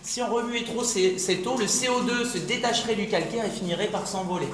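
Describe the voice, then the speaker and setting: Male tour guide, high-pitched voice, explanatory group talk with rhetorical questions, recorded in a resonating stone gallery. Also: a little fast, a bit bright. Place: echoing underground rock gallery. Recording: echoey cave gallery, clear background noise.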